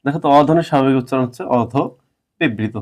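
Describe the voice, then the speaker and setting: A man's voice: medium pitch, racing, darkish tone. A man teaching a grammar lesson, who explains step by step and quizzes his students.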